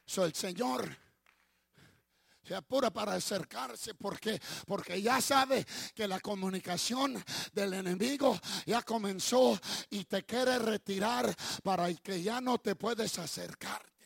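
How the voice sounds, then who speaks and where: A male preacher delivering a sermon, swinging from quiet asides to shouted declarations and slipping into English phrases. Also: sits high, takes it slowly, gravelly, slightly rough, no echo, studio quality. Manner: dramatic, slips into English phrases.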